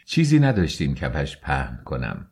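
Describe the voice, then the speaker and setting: A male audiobook narrator with a deep, low-pitched voice. He reads in a measured, unhurried way, and his tone is husky. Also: wildly swooping pitch, darkish tone. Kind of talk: scripted narration.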